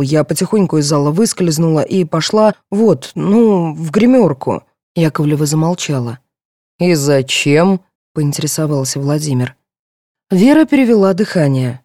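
A woman's voice: deep voice, dark tone, no echo, clean studio sound. A woman reading a detective novel aloud as narrator, lifting her voice to act out each character. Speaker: audiobook narrator.

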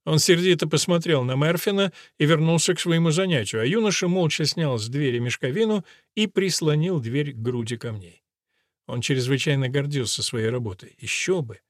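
A man reading an audiobook in a steady, even storytelling manner. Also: fairly high pitch, moderate pace, no room sound, clean studio sound. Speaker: audiobook narrator. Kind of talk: scripted audiobook narration.

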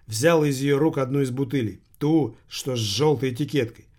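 A man reading a novel as an audiobook in a measured, deadpan way. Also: medium pitch. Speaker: audiobook narrator. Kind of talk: audiobook narration.

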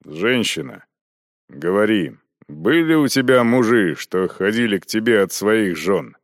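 A man's voice: lowish voice, big pitch swings, measured pace, no echo, clean studio sound. A man voicing a stern, impatient knight interrogating a widow with curt, barking questions.

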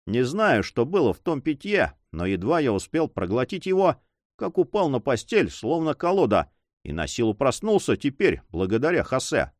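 A man's voice: medium pitch, very animated, moderate pace, no room sound, clean studio sound, lightly acted. A man voicing a grumbling, sleepy male servant who talks bluntly and exclaims a lot. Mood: exclaiming.

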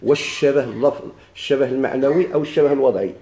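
A man's voice: medium pitch, racing, warm tone. A man with a Moroccan Arabic accent teaching a grammar lesson to a class, putting questions to the students and answering them himself. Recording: echoey room.

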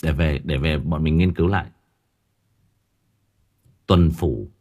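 An audiobook reader with a very deep, mellow voice chats slowly and casually with listeners on a livestream. He rambles, hesitating often and repeating words.

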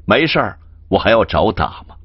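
A man voicing a sly, flattering young male servant who teases in a wheedling manner. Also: fairly low pitch, moderate pace, husky, no room sound, highs cut off. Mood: teasing, wheedling. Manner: teasing and wheedling.

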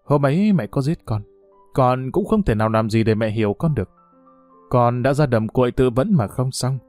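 A man reading the lines of a calm young male village cadre who speaks softly but with a quiet menace. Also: medium pitch, moderate pace, dry recording, soft background music, close to an everyday voice. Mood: quiet, controlled. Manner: soft-spoken, controlled.

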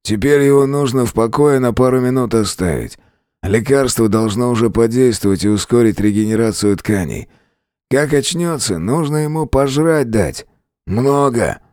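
A man voicing a hoarse, creaky-voiced stranger over a hundred years old, calm and matter-of-fact, in an audiobook. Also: medium pitch, moderate pace, no echo, clean studio sound, lightly acted. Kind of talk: audiobook character voice.

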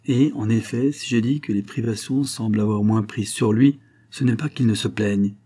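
Male audiobook narrator, low-voiced, husky, measured literary reading. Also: dark tone.

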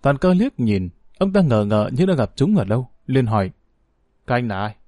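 A man narrating a novel in a steady, even reading voice. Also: mid-range voice, normal speed, dry recording, studio quality. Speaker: audiobook narrator. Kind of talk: scripted narration.

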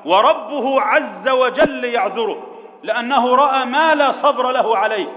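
A man's voice: very high-pitched, normal speed. A man preaching a sermon, retelling a story and drawing out key words as he addresses his listeners as brothers. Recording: echoey hall, dull lo-fi sound.

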